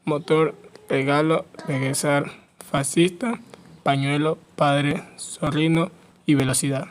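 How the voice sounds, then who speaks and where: A man's voice: a little high, fairly even intonation, slow pace. A young man, a student, reading a class presentation aloud, going carefully through lists of words. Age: young adult.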